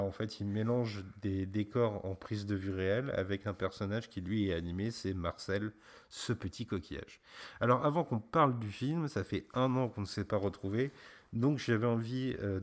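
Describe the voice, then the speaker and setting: A man hosting a casual podcast, patiently guiding a young guest with gentle questions. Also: lowish voice, normal speed. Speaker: podcast host interviewing a child.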